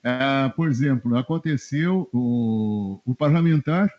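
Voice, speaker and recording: A middle-aged man from southern Brazil, a journalist guest telling animated anecdotes in a casual interview and chuckling often. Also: mid-range voice, slow pace. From Rio Grande do Sul, Brazil. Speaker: journalist guest, press adviser. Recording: dull lo-fi web radio audio.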